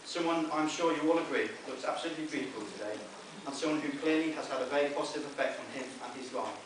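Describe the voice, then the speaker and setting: A man's voice: a little high, quick pace. Best man, young, reading a wedding speech; distant, heavily reverberant, noisy recording. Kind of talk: wedding speech, read from notes. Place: inside a wedding venue, speaking to guests. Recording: roomy echoing, noisy, distant event recording.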